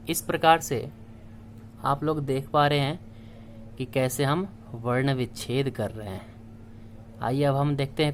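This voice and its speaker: Slow patient male language teacher. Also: mid-range voice, a little hiss or hum. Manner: patient, spells out letters one by one, repeats words. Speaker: Sanskrit teacher. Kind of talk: slow classroom explanation.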